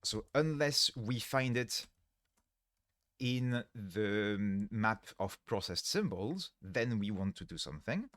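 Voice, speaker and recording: A man with a lowish voice explains his code over a livestream headset mic, thinking aloud and stopping to correct himself as he goes. He sounds tired, and the close microphone leaves the sound dry with no room around it. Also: lively intonation, fairly bright tone, no echo. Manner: explains step by step, pausing and correcting himself mid-sentence. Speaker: livestreaming programmer. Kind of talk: thinking aloud while coding on a live stream.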